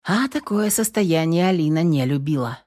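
A woman reading a novel aloud as an audiobook narrator, expressive and acting each character. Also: sits low, moderate pace. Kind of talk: scripted narration.

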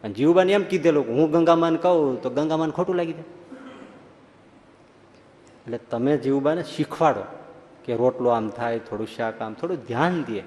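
A male swami giving a storytelling sermon, lively and acting out the people in his stories. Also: fairly high pitch, a little fast, long pauses. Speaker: swami preacher. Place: large hall at a religious school. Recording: echoey hall, faint background hum.

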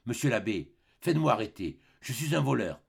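A man voicing a weary, tormented grown convict with gruff, harsh outbursts in a storybook reading. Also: medium pitch, big pitch swings, brisk, full character voice. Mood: anguished.

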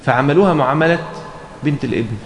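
A man's voice: fairly high pitch, quick pace. Egyptian man teaching in an echoey room. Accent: Egyptian Arabic. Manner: reads a passage, then explains it with frequent check questions. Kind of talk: explaining a fiqh text in a lesson. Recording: roomy echo, faint background ambience.

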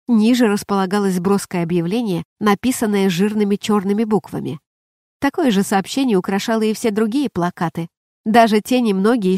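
A woman narrating an audiobook in an even, measured reading voice. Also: mid-range voice, no echo, studio quality. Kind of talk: scripted narration.

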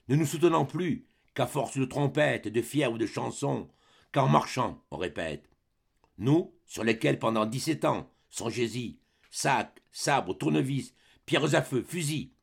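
A man's voice: medium pitch, creaky, husky, heavily acted. A man reading the part of a boastful old grenadier sergeant, declaiming rhythmic verse in a dramatic reading of a play.

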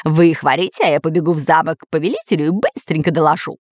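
A woman's voice: low voice, quick pace, no room sound, studio quality. A woman voicing a fawning toady skeleton in a storybook reading, hasty and eager to please.

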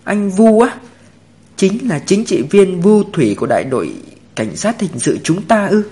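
A man's voice: sits high, very animated, moderate pace, mellow, pitched above the performer's own voice. A man putting on a surprised young policewoman. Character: young female police officer, curious.

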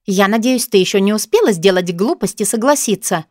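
A woman voicing a blunt, excitable young female student who bursts out loudly and mocks. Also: medium pitch, a little fast, dry recording, studio quality, close to an everyday voice. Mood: businesslike. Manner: loud, indignant, mocking outbursts.

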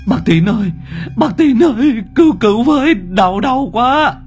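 A man voicing an excitable, fawning village man who talks high and whiny. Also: a little slow, faint music behind. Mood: howling pain. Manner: high, whiny, emotional pleading.

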